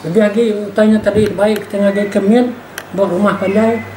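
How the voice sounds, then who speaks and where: A high-pitched, slightly mellow older male voice speaks a little fast with fairly even intonation. Interviewed informally, he reflects emphatically, often repeating himself and ending with questioning tags. Roomy echo and faint background noise are audible.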